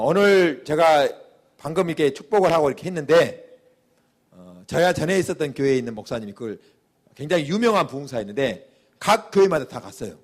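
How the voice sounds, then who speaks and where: Male pastor, sermon delivery, animated, high-ish voice that swings widely. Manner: animated preaching, acting out quoted voices.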